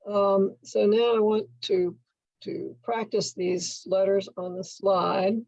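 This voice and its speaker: An older woman teaching in a slide presentation, speaking slowly and enunciating carefully as she models speech sounds step by step. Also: mid-range voice, little pitch movement, creaky, darkish tone, dry recording, highs cut off. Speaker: workshop instructor for literacy tutors. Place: indoor room at home, video call.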